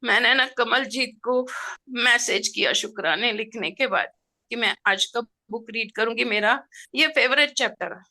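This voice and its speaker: A middle-aged woman telling an emotional personal story in an expressive, heartfelt way, slipping in English words. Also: on the high side, measured pace. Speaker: participant sharing a personal experience.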